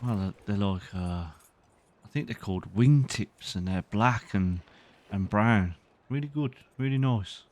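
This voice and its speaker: Low-voiced man in polite role-play. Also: a little mellow. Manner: polite, halting, with fillers. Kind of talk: in-character role-play chat. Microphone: desk or headset mic at a computer.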